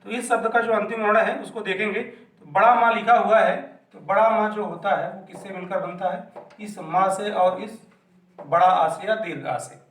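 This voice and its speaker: A man's voice: sits high, steady tone, normal speed. A man teaching a grammar lesson patiently, asking questions and answering them himself. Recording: echoey room, mic at a distance.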